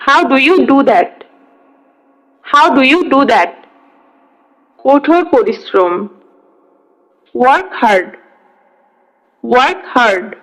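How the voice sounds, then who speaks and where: A woman teaching English, reading each phrase in Bengali and then saying the English twice. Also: on the high side. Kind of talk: reading phrase drills aloud. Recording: dull lo-fi sound.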